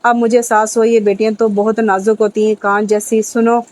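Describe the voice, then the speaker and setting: A woman's voice: on the high side, level tone, a little mellow, natural voice. Woman reading as a dying young wife, pleading.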